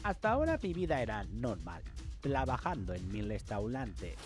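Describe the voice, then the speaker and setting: A man from voicing a down-on-his-luck male restaurant owner starting his life over, in a slow, low-key character intro over background music. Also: sing-song, close to an everyday voice. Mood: deadpan. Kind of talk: character intro video narration.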